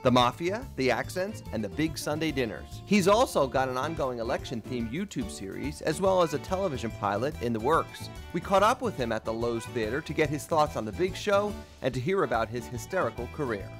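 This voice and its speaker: A man's voice: mid-range voice, lively intonation, a little fast, hardly any pauses. Upbeat male TV host over music. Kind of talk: scripted host introduction and interview questions.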